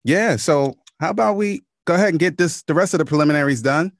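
A man co-hosting a podcast in casual chat, calm and understated, with plenty of slang. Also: fairly high pitch, fast, no room sound, clean studio sound. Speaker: podcast co-host.

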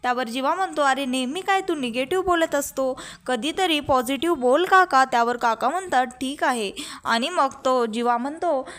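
A woman's voice: high-pitched, normal speed, fairly bright tone. A young woman narrating a recap of a TV serial episode and quoting each character's lines in turn. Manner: retells scenes by quoting each character in her own voice. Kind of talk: storytelling recap with quoted dialogue.

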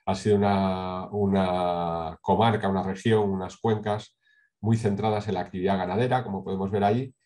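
A middle-aged man from Spain with a low, dark voice presents a project over a webcam on a video call. He talks in a measured way, pausing often with hesitations and tag questions. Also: fairly even intonation. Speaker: sustainability consultant presenting a project. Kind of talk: online conference talk with slides.

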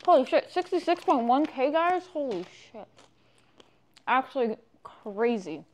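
Chatty woman streamer with lively pitch. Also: a little slow. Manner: chatty, swears freely, reacts aloud while assembling. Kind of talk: casual livestream chat.

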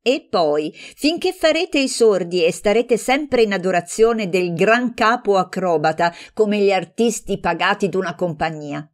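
A woman reading an audiobook, voicing a resentful, hot-tempered woman who argues in heated, sharp bursts. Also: medium pitch, measured pace, close to an everyday voice. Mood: scornful. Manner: heated, sharp, rising to shouts.

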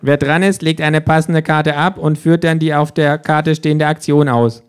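A man's voice: on the high side, steady tone, moderate pace, clear, resonant tone, voice pushed up, close to an everyday voice. A man voicing a cheeky, sardonic talking kangaroo that lectures everyone in a smug, mocking tone, in an audiobook-style reading. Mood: smug lecturing. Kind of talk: audiobook-style rules narration.

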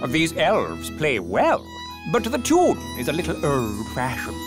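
A man's voice: a little high, huge pitch swings, measured pace. Posh, condescending cartoon fairy king, British, pompous, light music behind. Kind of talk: cartoon voice acting.

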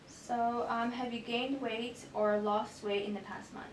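A young adult woman plays a nurse in a scripted clinical demonstration, politely explaining each assessment step to a patient in a small indoor clinic exam room. Her voice is on the high side, level in tone and a little slow. A far camera microphone picks her up, so the sound is echoey, distant and noisy in the background.

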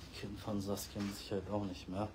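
Low-voiced man chatting with his cats. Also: flat delivery, quick pace, background noise. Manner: fond, chatty, talks baby-talk to kittens and scolds them. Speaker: cat rescuer filming his balcony cats. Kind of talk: casual vlog talk to viewers and cats. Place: balcony outdoors.

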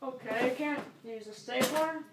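Echoey and noisy, this amateur home recording was captured on a camera mic in a small bedroom. A young teen who makes amateur videos rambles casually through an improvised tutorial, muttering and swearing. His voice is high and his pace moderate.

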